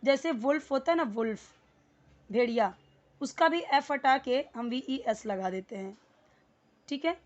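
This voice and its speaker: Woman tutor, slightly high voice, patient and repetitive, dull lo-fi recording. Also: measured pace, pauses often. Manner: patient, repeats words, many fillers. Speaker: English teacher. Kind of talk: Hindi English lesson, explaining word by word.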